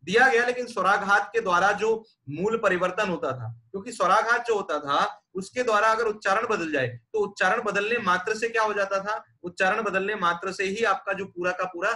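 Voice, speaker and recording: Guy teacher from india giving a lecture, high bright voice, says the sounds out loud to show them. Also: a little fast, few pauses. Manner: explains patiently, repeating and demonstrating sounds aloud. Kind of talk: classroom lecture.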